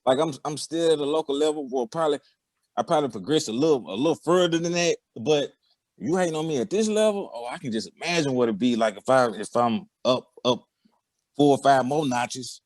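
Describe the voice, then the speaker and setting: A man's voice: mid-range voice, fairly quick, a little mellow, no room sound. A man, a musician guest talking in a laid-back way who repeats phrases for emphasis. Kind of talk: casual interview chat.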